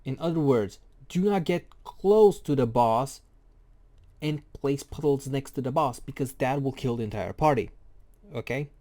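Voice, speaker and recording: A man talks through a game boss mechanic in a loose, casual tutorial. His voice is mellow and warm, and he rambles, cracks small jokes and corrects himself as he goes. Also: mid-range voice, expressive, unhurried. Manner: rambling, jokey, self-correcting. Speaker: game guide creator.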